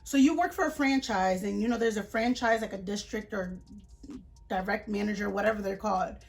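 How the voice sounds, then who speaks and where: A woman's voice: mid-range voice, a little fast, soft background music. A young adult woman telling a storytime vlog in a chatty, indignant way, full of fillers and retold dialogue. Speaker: vlogger.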